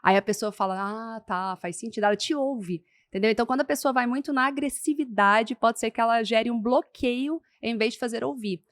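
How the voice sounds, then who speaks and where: Brisk, fairly high-voiced Brazilian woman. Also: no echo. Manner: animated, acts out quoted dialogue in other tones. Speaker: speaker and communication trainer. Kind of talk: podcast interview answers.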